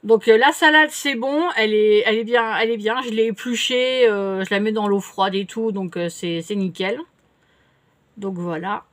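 A woman's voice: medium pitch, normal speed. A middle-aged woman, chatting casually at home as she answers her viewers' comments, rambling with many fillers and restarts. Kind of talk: casual chat. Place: home, indoors.

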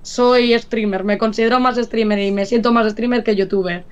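A young woman from Madrid with a faint Andalusian lilt talks in a relaxed, chatty way, sitting a little high in her pitch. Her webcam sound is muffled and lo-fi, the way a home video call comes through. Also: moderate pace, clean tone. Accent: Madrid Spanish with an Andalusian touch. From Madrid, Spain. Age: young adult. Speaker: guest streamer. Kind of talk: casual interview chat. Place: home room with pets. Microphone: video call, webcam mic. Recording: dull lo-fi video call audio.

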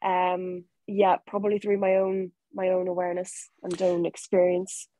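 Over a video call from her home, a rugby player from Northern Ireland answers interview questions casually, her fairly low voice moving at a moderate pace with no echo. The young woman, with her Northern Irish accent, comes across as relaxed and chatty and laughs readily.

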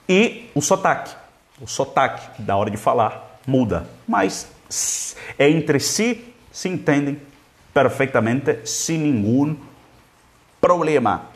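Lively-voiced man teaching Spanish on a live stream. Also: medium pitch. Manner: explains slowly, stretches words to show pronunciation. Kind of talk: live-streamed language lesson. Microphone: phone.

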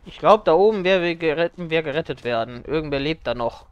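A man livestreaming a game as a vtuber, chatting casually and thinking out loud as he plays. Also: on the high side, expressive, fast, clean tone, dry recording, highs cut off. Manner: vtuber-style streaming chatter, thinking aloud. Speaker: livestreamer playing a zombie game. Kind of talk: casual German let's play commentary.

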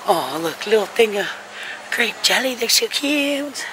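A woman vlogger wanders the aisles of a large discount store, casually chatting to her viewers as she shops, filmed on a handheld camera carried while walking. Her voice is a little high, animated, and unhurried, with store ambience in the background.

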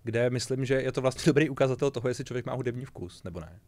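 A man in his fifties hosting an interview, asking questions in a calm, dry manner. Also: medium pitch, no room sound. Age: 50s. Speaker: interviewer host. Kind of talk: casual interview chat.

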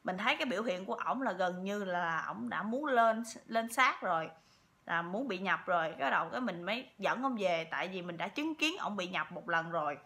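Chatting with her viewers, a woman vlogger tells a story, often repeating words and using fillers. She speaks fairly quickly in an expressive mid-range voice that is bright and forceful.

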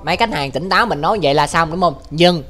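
A man's voice: on the high side, fast talker, sharp tone, soft background music. A man chatting on a livestream as he reads out viewer comments, ranting in a brash, crude, mock-exasperated way. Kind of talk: casual livestream chat.

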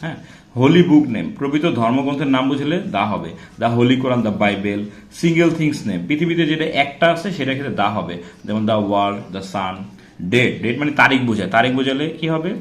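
A male grammar teacher in a medium-pitched voice talks through a lesson in a casual, classroom way. He spells out and repeats example words and keeps asking rhetorical check-in questions. The sound is roomy, with a clear echo. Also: expressive, brisk.

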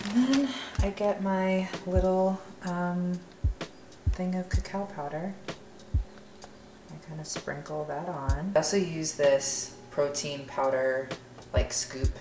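Talking casually through a recipe as she cooks, a young woman with a notably low voice sounds unscripted, like a home vlogger narrating every step. She speaks slowly with fairly even intonation. Pots and utensils clatter noticeably in the clearly echoey room.

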